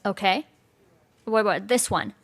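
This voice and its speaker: A woman's voice: medium pitch, a little slow. A woman from Ukraine with a Ukrainian accent, giving an informal talk to an audience, hesitant and searching for words. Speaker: guest speaker. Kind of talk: informal presentation with audience quiz.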